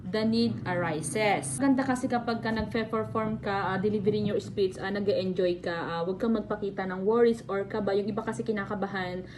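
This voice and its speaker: A woman's voice: mid-range voice, fairly even intonation, fairly quick, few pauses, noisy background. A young Filipino woman with a Filipino accent, giving a class report online, explaining step by step and switching between Tagalog and English. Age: young adult. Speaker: student presenter. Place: at home on an online class call.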